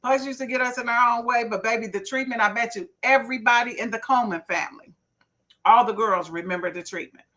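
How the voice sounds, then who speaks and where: A middle-aged woman hosting a casual live stream, telling animated stories and reading viewers' comments aloud with folksy asides. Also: fairly high pitch, quick pace. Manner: animated storyteller, laughs often, folksy asides. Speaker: livestream host.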